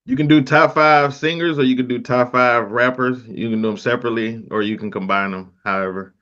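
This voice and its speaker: A man's voice: medium pitch, steady tone, fairly quick, a bit bright. Laid-back male podcast host, dull sound. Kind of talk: casual interview chat.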